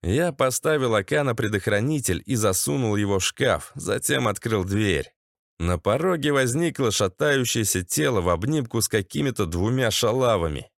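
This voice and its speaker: A man's voice: lowish voice, animated, moderate pace, creaky, no echo, studio quality. A man narrating a gritty first-person audiobook in a tense, sardonic manner.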